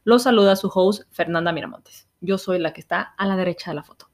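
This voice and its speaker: A woman's voice: lowish voice, a little fast. A young adult woman with a Mexican accent, hosting a podcast in informal, slangy, casual chat. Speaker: podcast host.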